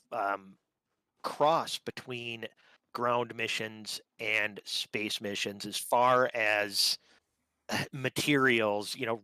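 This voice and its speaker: A man's voice: on the low side, bright, forceful tone, dry recording, rough recording. A man speaking as a panelist in a live casual roundtable, giving frank, earnest opinions.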